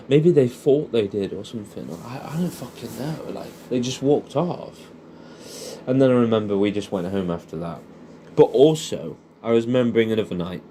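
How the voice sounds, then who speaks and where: Addressing an old friend in casual, intimate reminiscence, a young man with an English accent speaks in a soft, mellow voice at medium pitch. The audio creator rambles nostalgically, swears freely and keeps finishing with little questions. Faint noise can be heard behind him.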